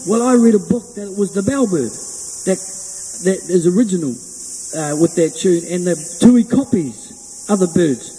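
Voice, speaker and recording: On a hilltop overlooking the sea, a New Zealand musician with a broad Kiwi accent delivers colloquial, folksy patter into a mic stand between sung lines. His voice is very high-pitched and warm; guitar music, slight background noise, and long outdoor reverb fill the recording.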